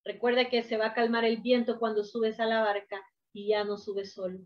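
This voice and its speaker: A woman preacher delivering a sermon, emphatic, swinging from hushed to loud, on a dull lo-fi recording. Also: on the high side, level tone, normal speed.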